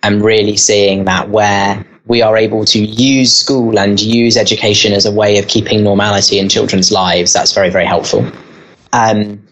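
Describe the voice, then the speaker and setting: A man's voice: on the low side, level tone, moderate pace, a bit bright, slight background noise, rough recording. A man who leads a school answers interview questions, talking earnestly and at length. He explains things in full, with the odd "um" and restart as he goes. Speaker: school leader.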